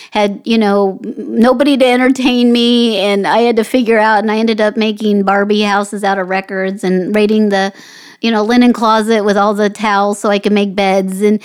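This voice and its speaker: A woman hosting a podcast in casual conversation, rambling and encouraging, often saying "you know". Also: medium pitch. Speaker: podcast host.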